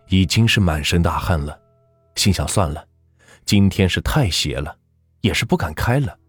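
Husky low-voiced man telling a ghost story. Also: dry recording. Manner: dramatic, lively storytelling.

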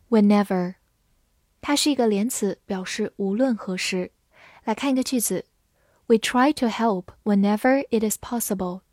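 A woman teaching English vocabulary in a scripted lesson, spelling each word letter by letter, repeating it, and reading example sentences slowly. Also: fairly high pitch, warm tone, no room sound, studio quality. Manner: slow, spells words letter by letter and repeats them.

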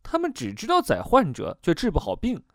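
A man voicing a troubled young male patient in an audiobook, with a complaining delivery that climbs high in pitch. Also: huge pitch swings, brisk, fairly bright tone, dry recording, clean studio sound, full character voice. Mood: bitter.

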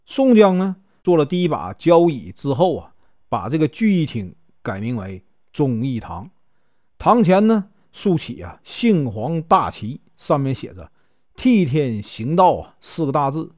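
A man's voice: on the high side, sing-song, a little slow, a little mellow, no room sound, clean studio sound. A man, telling a classic tale in a chatty folk storytelling style, stretching out his filler particles.

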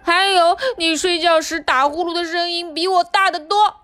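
A woman's voice: very high voice, fairly even intonation, normal speed, faint music behind, voice pushed up. A woman playing a squealing, hot-tempered little boy frog. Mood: upset. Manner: loud, whiny, indignant shouting.

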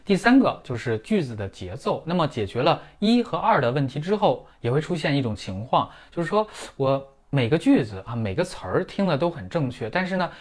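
A middle-aged man, a native Chinese speaker, teaching German pronunciation in a clear, methodical lesson full of everyday comparisons. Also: on the high side. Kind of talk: scripted lesson in Mandarin.

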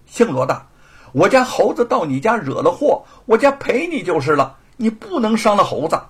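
A male storyteller voicing a gentle but steely young wife and mother, pleading and then firmly standing her ground. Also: high voice, huge pitch swings, moderate pace, husky, voice pushed up, exaggerated voice. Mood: defiant. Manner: pleading, then firm and indignant.

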